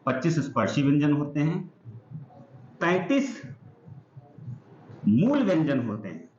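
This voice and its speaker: Guy teaching a grammar lesson for exam prep, bouncy pitch, drags out the sounds, kinda lo-fi and echoey. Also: huge pitch swings, unhurried, a little mellow, a little hiss or hum. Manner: explains patiently, drawing out sounds and checking understanding. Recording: echoey room, dull lo-fi sound.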